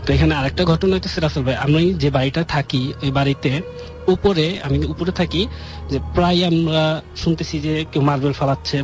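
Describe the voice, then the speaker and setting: A man calling in to a radio show, earnestly telling a frightening experience from his own home in a halting way. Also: a little high. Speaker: caller. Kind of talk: telling a personal ghost story. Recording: dull lo-fi radio broadcast with music.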